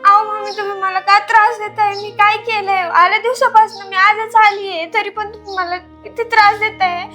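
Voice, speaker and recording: A woman acting a mistreated niece who pleads meekly, with music clearly behind. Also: very high voice, little pitch movement, normal speed, bright, forceful tone. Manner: pleading and meek. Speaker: actor playing a mistreated niece. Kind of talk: amateur family drama acting.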